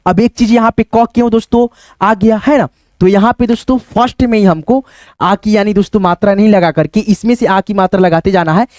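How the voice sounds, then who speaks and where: A man's voice: high voice, a little fast, darkish tone, dry recording. A man teaching beginners at a board, patiently repeating and counting aloud.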